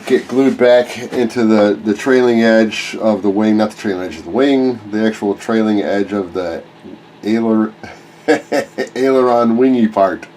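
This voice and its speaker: A man in his forties, an RC plane hobbyist who hosts a channel, chats casually and rambles, correcting himself, while filming a workshop vlog at home on a handheld camera held close. He's congested from a cold, his voice fairly low and a little mellow, and the rough recording has slight background noise.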